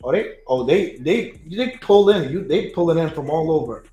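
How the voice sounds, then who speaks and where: A man speaking as a guest in a casual chat, in a halting way with frequent fillers and restarts. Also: fairly high pitch, animated, warm tone, soft background music. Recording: echoey room.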